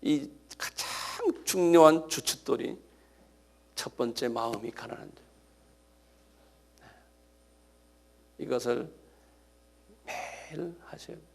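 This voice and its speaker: A middle-aged man preaching a sermon as pastor, animated, breaking into sudden cries and calling out to his congregation for a response. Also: medium pitch, slow, gravelly, pauses often.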